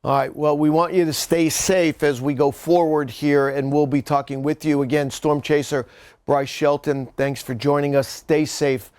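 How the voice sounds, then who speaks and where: Halting male news anchor, higher-pitched voice. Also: little pitch movement, a little mellow, no room sound, clean studio sound. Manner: halting, rephrases questions midway. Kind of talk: live weather coverage interview.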